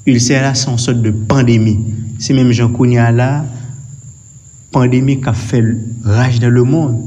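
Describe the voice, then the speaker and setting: A man with a Haitian accent teaching a Bible study, reading scripture aloud and repeating key phrases deliberately. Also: mid-range voice, fairly even intonation, warm tone.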